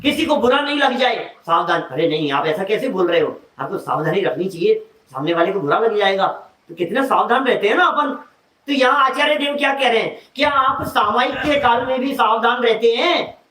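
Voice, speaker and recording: A man's voice: extremely high pitch, normal speed, bright, forceful tone, slight background noise. A man preaching a sermon in a conversational way, asking the listeners questions and acting out everyday examples. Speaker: preacher giving a religious discourse. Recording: echoey hall, mic at a distance.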